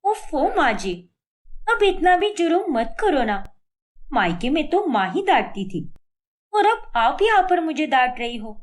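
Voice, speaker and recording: A cheerful young daughter-in-law in a cartoon story, voiced by a woman. She brushes off every complaint in a breezy, carefree way, with a high voice that swings widely.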